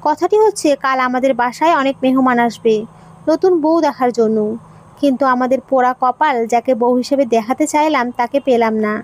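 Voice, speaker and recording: A woman voicing a scornful, status-obsessed middle-aged mother who talks in a shrill, scolding way. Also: moderate pace, darkish tone, lightly acted. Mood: scheming.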